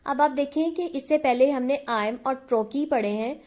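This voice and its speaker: A woman with a high, light voice teaches a literature lesson, mixing Hindi explanation with English terms. She talks patiently and keeps checking in with her viewers, slowing down to read definitions with care. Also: darkish tone. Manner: patient, checks in with "ठीक है?" often; reads English definitions slowly and deliberately.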